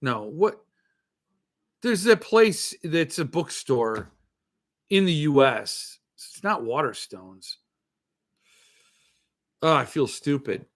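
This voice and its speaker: Taking it slowly and pausing often, a man with a fairly high voice and big pitch swings rambles casually as host of a book-collecting show. He thinks aloud with hesitation, drifts into asides, and his lisp makes his s sounds slushy.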